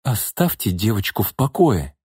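Composed stern young nanny, read by a man, raised pitch, lively, dry booth. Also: moderate pace, husky, dry recording. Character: calm, firm young woman nanny.

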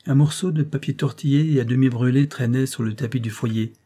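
A man narrating a classic novel as an audiobook in a measured, even reading. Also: medium pitch. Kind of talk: scripted narration.

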